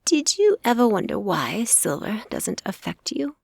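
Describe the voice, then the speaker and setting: A woman voicing a sly, cruel old witch in an audiobook who speaks in a measured, mocking tone. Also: mid-range voice, wildly swooping pitch, creaky, a little mellow, breathy edge, no echo, studio quality, pitched above the performer's own voice, full character voice.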